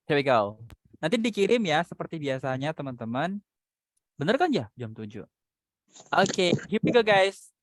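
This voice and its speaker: A man's voice: fairly high pitch, big pitch swings, normal speed, long pauses, no room sound. A man with an Indonesian accent teaching an online English class, switching between Indonesian and English and drilling the alphabet at different speeds. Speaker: English speaking tutor. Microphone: video call.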